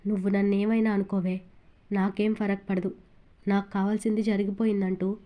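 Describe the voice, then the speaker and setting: A woman's voice: mid-range voice, little pitch movement, normal speed, highs cut off, close to an everyday voice. A woman voicing a gloating, smug traitor. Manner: mocking, smug. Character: treacherous young man, gloating schemer.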